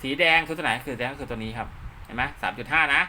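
An instructor and channel host talks very fast in a pushed, bright, medium-pitched voice, walking through an informal hands-on tutorial step by step. He frequently checks that the listener is keeping up, over a little hiss or hum.

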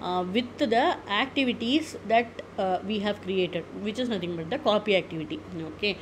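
A woman narrating a screen-recorded software tutorial, methodical and step-by-step, with frequent "okay" and "uh" fillers. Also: medium pitch, normal speed, low-quality recording. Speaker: tech tutorial presenter. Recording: noticeable background noise.

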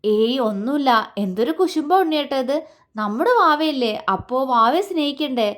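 A woman's voice: high voice, expressive, moderate pace. A woman voicing a playful young pregnant wife who teases her husband. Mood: teasing. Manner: playful, teasing.

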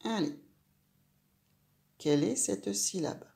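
A woman teaching a reading lesson to a young child, sounding out syllables slowly and clearly and asking the child questions. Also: mid-range voice, mellow. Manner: slow, clear, syllable by syllable, addressing the child directly.

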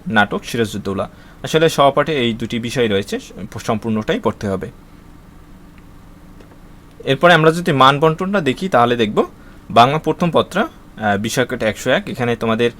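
A man from Bangladesh explaining an exam syllabus to students in a spoken lesson, reading out long lists steadily and pausing with frequent "uh" fillers and restarts. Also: mid-range voice, a bit bright, a little hiss or hum. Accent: Bangladeshi Bengali.

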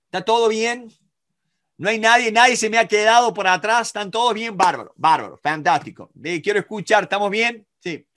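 A middle-aged man with an Argentine Spanish accent teaches negotiation in a live online class, lively and talking to students by name with frequent checks on whether they follow. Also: high-pitched, fairly quick. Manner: animated, talks to students by name, many rhetorical checks. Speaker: negotiation instructor.

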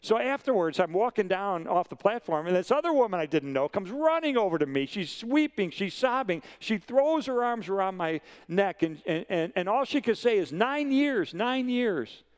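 Man, 60s, sermon, higher-pitched, very animated delivery, emphatic repetition. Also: moderate pace, hardly any pauses, smooth. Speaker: guest preacher.

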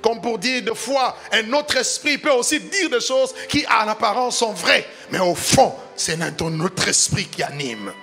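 Pastor guy preaching, high gravelly voice, sing-song rises, faint music behind. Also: animated, unhurried, few pauses, pushed and bright. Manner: sing-song preaching cadence, rising emphatic peaks. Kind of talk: sermon.

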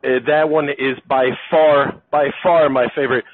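A man's voice: medium pitch, level tone, moderate pace, no room sound. Playful young man on a tinny line. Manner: playful, upbeat, joking. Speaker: show host. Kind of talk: casual interview. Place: bar in a restaurant. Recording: tinny phone-like sound, faint hiss.

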